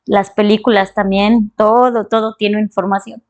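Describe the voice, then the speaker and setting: A woman with a Mexican Spanish accent, a spiritual therapist speaking as a guest in an expressive, emphatic podcast interview. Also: medium pitch, normal speed, highs cut off. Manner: expressive and emphatic, with exclamations and repetitions.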